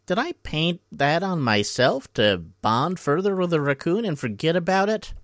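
A man voicing a goofy, panicky young man who sounds squeaky and pleading. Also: expressive, moderate pace, dry recording, studio quality, close to an everyday voice. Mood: panicked.

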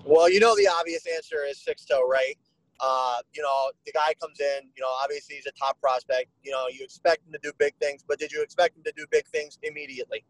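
A man's voice: on the high side, lively intonation, fairly quick, dry recording, rough recording. A man talking as a guest in a casual podcast chat, rambling with lots of "you know" fillers.

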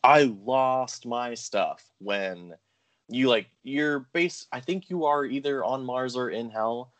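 A man co-hosting a podcast in casual chat, animated and enthusiastic, often laughing. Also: medium pitch, slow. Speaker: podcast co-host.

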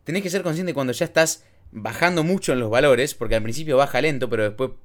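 A man's voice: mid-range voice, fast. A man with an Argentine Rioplatense accent, co-hosting a casual podcast, talking in slang with casual swearing and math analogies. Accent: Argentine Rioplatense Spanish. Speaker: podcast co-host.

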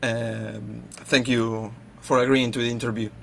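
A man with a mid-pitched voice co-hosts and interprets on a podcast. He sounds casual and a little apologetic, with slight ambient noise in the recording. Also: little pitch movement, unhurried, vocal fry. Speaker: co-host and interpreter. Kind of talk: casual live podcast hosting. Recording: faint ambient background noise.

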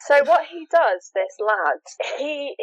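A woman co-hosting a podcast, telling stories in an animated, casual way and laughing often. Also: high voice, slow, no echo. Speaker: podcast co-host. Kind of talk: casual chat. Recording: dull, dry lo-fi sound.

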